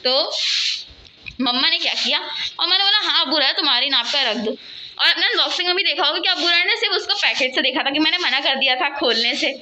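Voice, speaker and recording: A woman vlogging casually at home, chatting and rambling to her viewers and talking loudly over household noise. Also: high-pitched, lively intonation, fairly quick. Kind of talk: casual home vlog chat. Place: at home, cooking and sweeping nearby.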